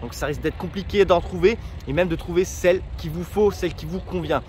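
A man's voice: high-pitched, brisk, darkish tone, a little hiss or hum. A man from France giving travel tips in a casual vlog, chatty and joking, speaking straight to viewers outdoors. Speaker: travel vlogger.

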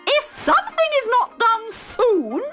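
A woman voicing an imperious, raging queen with a screeching, shrill delivery in a children's storybook reading. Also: wildly swooping pitch, fairly bright tone, faint music behind, exaggerated voice. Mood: threatening. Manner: bellowing commands, drawn-out words.

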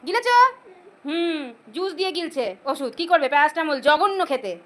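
A woman's voice: high voice, brisk, fairly bright tone. A woman talking to her toddler in playful, coaxing baby talk, teasing and singing. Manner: sing-song, coaxing and teasing. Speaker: vlogger talking to her child.

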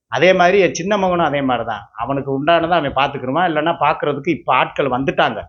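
A man's voice: on the high side, highs cut off. A man in his fifties, tearful, talks in a rambling, repetitive way as he pleads with his viewers in an emotional vlog monologue. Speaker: YouTube entertainer.

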